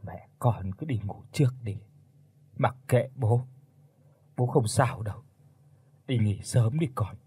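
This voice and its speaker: A man voicing a frightened, guilt-ridden older husband who answers in low, evasive mumbles. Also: animated, normal speed, darkish tone, husky, no room sound. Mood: weary.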